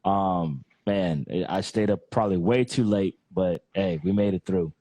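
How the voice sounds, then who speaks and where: A man's voice: low voice, unhurried, mellow, no echo. A man from Texas hosting a casual podcast interview, laid-back and friendly with lots of filler phrases. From Texas, United States. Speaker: podcast host.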